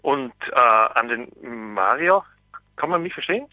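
A man's voice heard down a landline telephone line, very bright and sharp in tone. He talks eagerly, feeling for his words with small fillers. The sound is dry, with no room around it. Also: mid-range voice, lively intonation, a little slow, dry recording. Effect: voice over a landline telephone line. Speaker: radio call-in caller. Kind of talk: casual call-in question. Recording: voice over a phone line.

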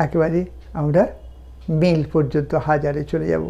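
A woman teaching French numbers, counting them out slowly one by one and explaining pronunciation step by step. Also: low voice, flat delivery, vocal fry, mellow, muffled recording. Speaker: language teacher. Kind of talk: slow, deliberate language lesson.

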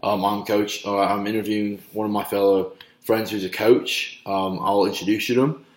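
A young man with a lowish voice runs a casual interview and chimes in often with quick affirmations. He is recorded on a laptop webcam in a small room that echoes. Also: flat delivery. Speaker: interviewer, coach. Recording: roomy webcam audio.

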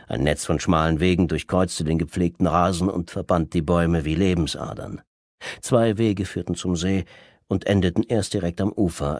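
A man narrating a thriller audiobook in a measured, even storytelling manner on a close studio mic. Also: deep voice, dry recording.

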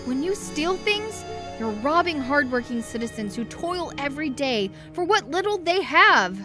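A woman plays a fiery lady fox inspector with a high voice. She is stern, indignant and quick to scold, in a comic dub with music underneath. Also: sing-song. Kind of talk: fan-dub comic acting.

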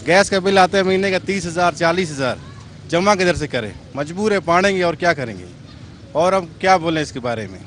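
Angry shopkeeper. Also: male voice, a little high, animated, brisk. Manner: angry, reels off figures. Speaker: shopkeeper interviewed. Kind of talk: vox pop complaint.

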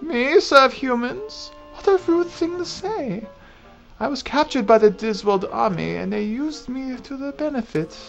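Man putting on a high, creaky old hag. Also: lively intonation, music in the background, exaggerated voice, poor audio. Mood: haughty, grateful. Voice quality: creaky, affected old-lady voice. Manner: old hag, drawn-out and theatrical. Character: old hag plant sage, female, haughty and cranky. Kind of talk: reading video game dialogue aloud in character.

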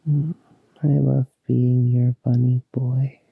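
A man in an ASMR boyfriend roleplay, talking in soft, drowsy, affectionate murmurs that slip into whispers. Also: medium pitch, flat delivery, takes it slowly, gravelly, husky, no room sound, narrow, tinny audio.

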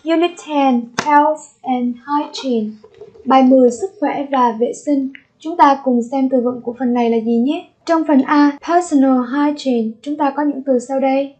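A woman's voice: high voice, fairly even intonation, a little mellow, dull audio. A woman teaching an English lesson, saying each word twice and then explaining it. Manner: repeats each word slowly, then glosses it. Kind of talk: vocabulary lesson.

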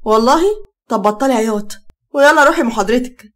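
A kind young man who stands by his friend, encouraging in an animated storybook, as a woman voices him with an Egyptian accent. The delivery is quick and sits high. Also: natural voice.

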